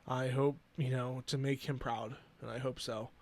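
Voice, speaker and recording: A man in his twenties hosting a solo podcast, earnest and emotional, talking haltingly with many restarts. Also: mid-range voice, little pitch movement. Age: 20s. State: emotional, near tears. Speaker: podcast host. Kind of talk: personal solo podcast talk.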